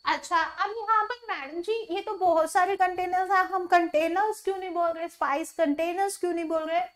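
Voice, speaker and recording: A woman with a high voice teaches an online vocabulary lesson in a chatty way. She mixes in English words as she goes, and she keeps asking the viewer questions before answering them herself. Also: steady tone, brisk, a bit bright.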